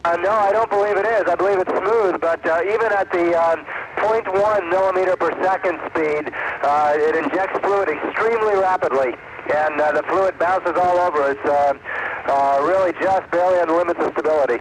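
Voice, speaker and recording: A man's voice: high voice, moderate pace, noisy background. A man working as an astronaut, giving matter-of-fact technical reports over a breaking-up space radio link. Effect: space radio transmission. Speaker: astronaut running an experiment aboard a spacecraft. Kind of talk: procedural space-to-ground radio chatter.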